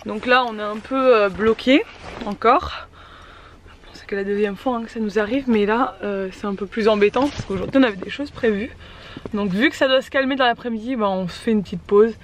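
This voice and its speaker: A woman chatting casually to camera as a vlogger. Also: fairly high pitch. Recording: noisy outdoor and vehicle background.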